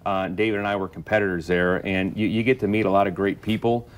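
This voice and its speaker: Deep-voiced man explaining his craft. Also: fairly even intonation, quick pace. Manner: explanatory, with examples. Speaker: auctioneer being interviewed. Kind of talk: casual interview talk.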